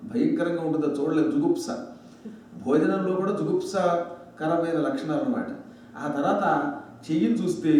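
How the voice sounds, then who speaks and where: A man giving a religious discourse in a hall, telling a story with lively voiced dialogue. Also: high voice. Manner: animated storyteller acting out characters' lines. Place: large hall with a microphone. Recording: echoey hall audio from a distance.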